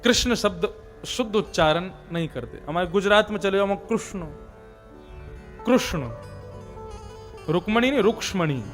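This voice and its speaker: A man's voice: sits high, fairly quick, fairly bright tone, soft background music. A male preacher giving a devotional sermon, explaining and stressing correct pronunciation as he tells a story.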